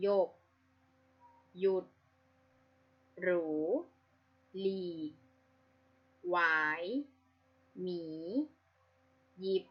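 Woman primary teacher, slow and patient, slightly dull lo-fi recording. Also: mid-range voice. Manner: patient, spells out each sound carefully. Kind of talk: slow, clear classroom reading lesson.

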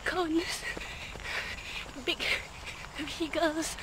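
Very high-pitched young woman, noisy outdoor recording. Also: very slow. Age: young adult. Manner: short breathless phrases, excitable. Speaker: vlogger running a race. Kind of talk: casual running vlog chat. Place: outdoors on a night race route. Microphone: phone at arm's length. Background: clear outdoor ambient noise.

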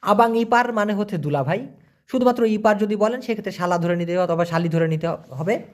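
A man teaching a vocabulary lesson, spelling words letter by letter and repeating them slowly. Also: high-pitched. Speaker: language teacher.

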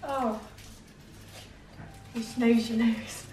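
A woman's voice: a little high, fairly even intonation, very slow, mellow, a little hiss or hum. A young woman chatting casually in her vlog, bubbly and full of exclamations. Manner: bubbly and exclamatory, gushes at dogs. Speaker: vlogger.

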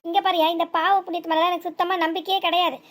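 A woman's voice: very high-pitched, level tone, rapid-fire. A woman voicing a bossy wife who threatens her husband in a cartoon, with a southern Tamil Nadu accent. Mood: threatening. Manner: threatening, nagging.

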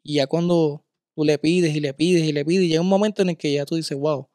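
A man's voice: on the high side, fairly even intonation, mellow, no echo, clean studio sound. Agreeable man on a faith podcast. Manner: affirming, answers with amen and quick agreement.

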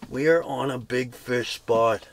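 A young man in a small ice fishing shelter, giving excited running commentary on each bite as he fishes. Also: medium pitch, a little slow, over music.

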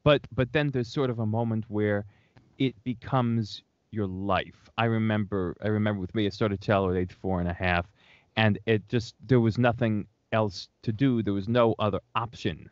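A man hosting an interview, talking in a halting way with many repeated words and restarts. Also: on the low side, fairly even intonation, no echo, lo-fi sound. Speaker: podcast host. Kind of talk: interview conversation. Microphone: remote video call.

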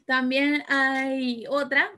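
High-voiced woman giving a casual talk. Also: level tone, drawn-out words, bright, forceful tone. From Peru. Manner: explains patiently with many fillers and "¿no?" tags. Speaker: lecturer on Italian customs. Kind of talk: informal talk to an audience.

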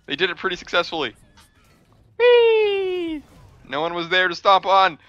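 A man doing excitable gameplay commentary, swearing freely and breaking into squealing laughs. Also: high-pitched, fast talker, no room sound, highs cut off. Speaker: gaming video creator.

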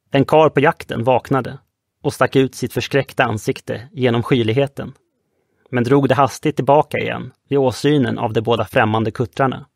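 A man reading an adventure audiobook aloud in a steady, measured way. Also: mid-range voice, creaky, no echo, studio quality. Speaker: audiobook narrator. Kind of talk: audiobook narration.

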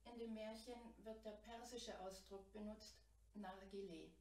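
A middle-aged woman, a storyteller, telling a fairy tale in an expressive, measured way. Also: mid-range voice. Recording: roomy, distant mic.

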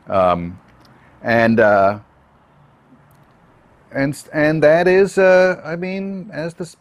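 A man gives music commentary in an interview, speaking slowly and with pauses. His pitch moves widely up and down as he makes his points. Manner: deliberate, with hesitations.

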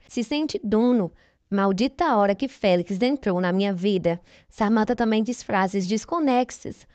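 A woman narrating a soap opera episode summary in an even, measured reading voice. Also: medium pitch, no room sound. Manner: even, measured reading, quoting characters in the same voice. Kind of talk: scripted narration.

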